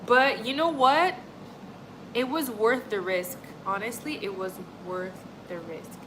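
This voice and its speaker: Taking it slowly, this young woman from Montreal, Canada, chats with her livestream audience in a voice on the high side. She rambles in a chatty way, leaning on "like" and "honestly," with background noise behind her.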